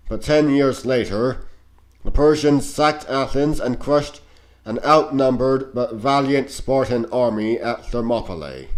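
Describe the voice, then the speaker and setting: A man reads educational narration aloud while sick with a cold. His voice sits at a middling pitch and sounds congested from a stuffy nose. He takes the script slowly, with measured, deliberate phrasing. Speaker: narrator reading on-screen educational game text.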